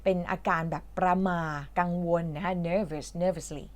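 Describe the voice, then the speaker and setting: A woman's voice: lowish voice, fairly even intonation, unhurried. A woman from Thailand who teaches English, patiently explaining a reading lesson in a chatty way with lots of fillers.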